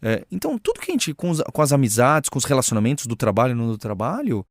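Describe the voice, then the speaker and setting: A man's voice: mid-range voice, big pitch swings, fast talker, no room sound, clean studio sound. A middle-aged man with a Brazilian Portuguese accent, speaking as a guest in a frank, reflective podcast conversation and acting out quoted dialogue. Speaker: guest, head of a school.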